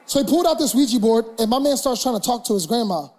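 A young man preaching a sermon, telling a funny story and building to loud shouted preaching. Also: extremely high pitch, lively intonation, quick pace.

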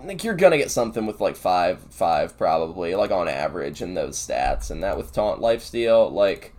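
A man's voice: deep voice, big pitch swings, normal speed, a little mellow. A man co-hosting a gaming podcast, talking casually in a loose, rambling way with lots of fillers. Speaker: podcast co-host.

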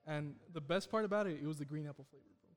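A man's voice: on the high side, very fast, faint music behind. A young American man hosting a casual podcast, telling slangy, joking, self-deprecating stories among friends. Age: young adult. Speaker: podcast host.

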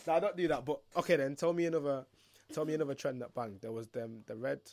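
A man's voice: on the high side, a little fast, gravelly, a little mellow. A young man with a London roadman accent chatting casually as a podcast co-host, using heavy slang and repeating phrases for emphasis. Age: young adult. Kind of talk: casual banter.

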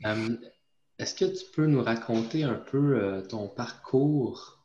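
Male podcast host, warm mellow tone, slightly muffled echoey room sound. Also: mid-range voice, slow pace, a little hiss or hum. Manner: relaxed, friendly questions with fillers. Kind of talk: casual interview hosting. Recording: muffled, roomy recording.

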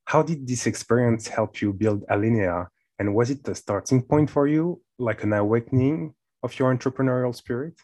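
A man's voice: mid-range voice, normal speed, a little mellow, no room sound. A man co-hosting a casual podcast interview, asking polite, carefully phrased questions. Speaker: podcast co-host.

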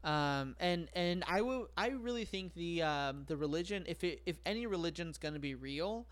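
A man's voice: on the high side, lively intonation, moderate pace, fairly bright tone. A man talking as a podcast guest in casual chat. He speaks frankly and profanely, with lots of fillers and self-deprecating humor.

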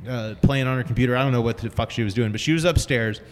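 A man's voice: mid-range voice, quick pace. A man chatting casually about music in a slangy, profane way. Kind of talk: casual chat. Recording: reverberant room with faint noise.

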